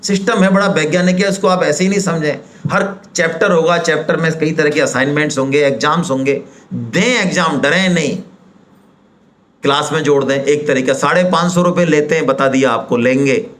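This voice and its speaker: A man's voice: fairly high pitch, brisk. A man speaking at a devotional seminar, talking in a colloquial and persuasive way, firing rhetorical questions and addressing the audience directly. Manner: animated, rhetorical questions, acts out quoted voices.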